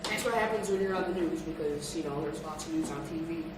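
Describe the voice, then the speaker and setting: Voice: medium pitch, quick pace. A seventh-grade student playing a parody news co-anchor with an informal, conversational way of interviewing. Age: young adolescent, about 12 to 13. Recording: noisy, echoey room, distant mic.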